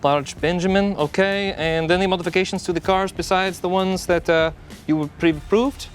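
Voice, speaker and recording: A meek, nervous male clerk played by a man speaks in a lightly raised voice. He is polite and halting as he works through formalities in a tabletop game, over faint music. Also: high voice, fairly even intonation, voice pushed up, close to an everyday voice. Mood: meek, hesitant. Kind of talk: tabletop game role-play.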